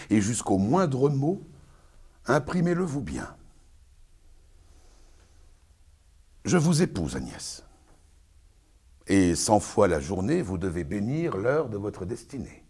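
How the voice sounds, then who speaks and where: A pompous, domineering master , acted by a man, lectures his young bride in classical verse. The delivery is hammy and declamatory, swinging widely in pitch, with a husky edge. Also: darkish tone, exaggerated voice. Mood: stern, condescending. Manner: hammy, declamatory stage acting. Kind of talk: classical French verse theatre monologue.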